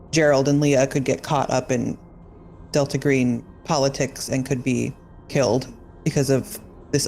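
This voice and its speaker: A woman's voice: rumbling low, darkish tone, slight background noise. A woman player in a tabletop horror game, speaking firmly and steadily in character and narrating her agent's actions.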